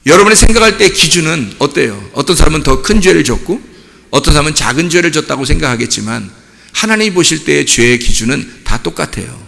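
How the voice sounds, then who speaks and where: Male pastor, high and lively pitch, animated sermon delivery, recorded in a reverberant church hall. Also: fast talker, vocal fry. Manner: animated preaching, from loud emphatic peaks to hushed prayerful lines. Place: church sanctuary.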